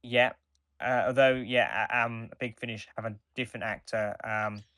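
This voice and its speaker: A man with a mid-range voice co-hosts a podcast, chatting as an enthusiastic fan in a level but pushed, bright tone. He often doubles back and repeats words as he talks, keeping it a casual fan discussion.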